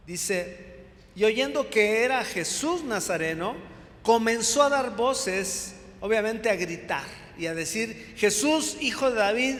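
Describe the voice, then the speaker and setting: A man's voice: high voice, a bit bright. A Mexican man preaching a sermon as pastor, asking the congregation questions and calling out scripture lines. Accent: Mexican Spanish. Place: church hall. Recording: long reverb of a church hall.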